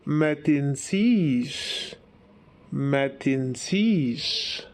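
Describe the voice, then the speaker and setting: A man with an Egyptian Arabic accent who teaches the language, repeating each phrase slowly in its male form. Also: mid-range voice, expressive. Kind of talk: slow phrase drill for learners.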